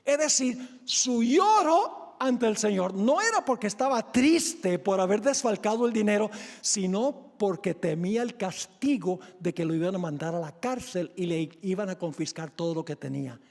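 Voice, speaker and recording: A male pastor delivers an earnest, emphatic sermon with a high-pitched voice. He speaks straight to his listeners and leans hard on key points. A long reverb rings around his words. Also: animated, normal speed, creaky. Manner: earnest, emphatic, addresses the congregation directly.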